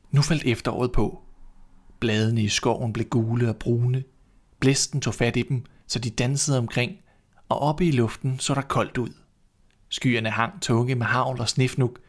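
Man calmly reading a fairy tale. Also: medium pitch. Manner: calm, measured, expressive reading. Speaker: storyteller. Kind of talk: scripted storybook narration.

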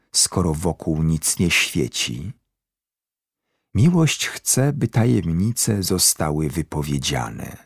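Deep, gravelly man reciting poetry. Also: no room sound, clean studio sound. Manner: solemn, expressive.

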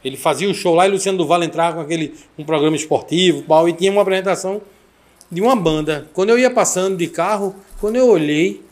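A man hosting a casual chat, reminiscing in a chatty, talkative way. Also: high voice. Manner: chatty, reminiscing, quick back-and-forth. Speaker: host.

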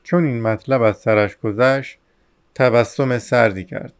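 A man reading a novel aloud as an audiobook narrator, steady and measured. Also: medium pitch, clear, resonant tone.

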